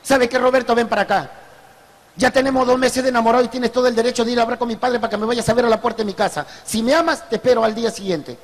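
A man's voice: very high voice, very fast. A man with a Peruvian accent voicing a proper young girlfriend who speaks firmly and with dignity. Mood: earnest. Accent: Peruvian Spanish. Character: proper respectful teenage girlfriend.

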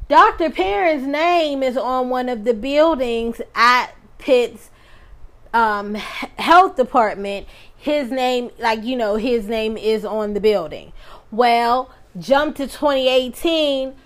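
A woman hosts her own podcast in a casual, chatty monologue. Her voice sits a little high, and she speaks, tossing in asides as she goes. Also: a little slow. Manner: chatty and conversational, with asides and laughs. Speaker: podcast host.

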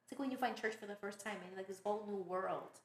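A woman from Brooklyn, a podcast guest telling stories in casual, animated chat. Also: mid-range voice, fast talker. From Brooklyn, New York. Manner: animated storytelling, laughs often. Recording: roomy echo.

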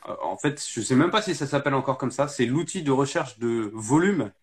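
A man's voice: medium pitch, lively intonation, a little fast. A man talking casually as an interview guest, explaining things step by step with many hesitations. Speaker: SEO guest.

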